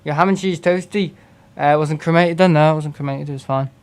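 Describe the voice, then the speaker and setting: Streaming a flight simulator, this young man from England speaks briskly in a fairly high pitch. He's chatty and self-mocking, laughing a lot as he reads out messages from chat.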